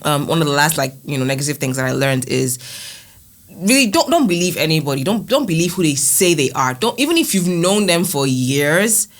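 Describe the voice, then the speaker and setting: A woman's voice: low-pitched, fairly quick. A woman with a Nigerian accent chatting casually as a podcast co-host, acting out conversations as she tells stories. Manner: animated, acts out quoted conversations. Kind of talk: casual storytelling chat.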